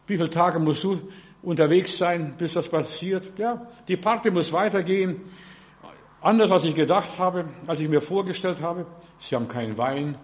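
A man preaching a sermon in short, animated phrases, acting out quoted voices and often stopping to check that listeners follow. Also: a little high, moderate pace, muffled recording. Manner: speaks in short broken phrases, often saying "ja" and "verstehst".

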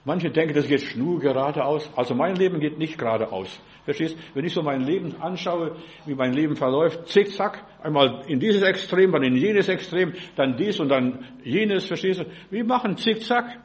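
A man with a somewhat high voice preaching a sermon. He talks straight to his listeners in an informal way, peppering his talk with "ja" and asking "verstehst du?" again and again. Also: lively intonation, moderate pace.

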